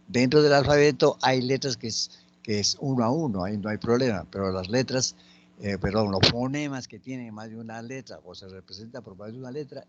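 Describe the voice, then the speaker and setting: Slow, patient Spanish teacher, man. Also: mid-range voice, dull audio, slight background noise. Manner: slow, patient, spelling out example words. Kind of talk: spoken grammar lesson.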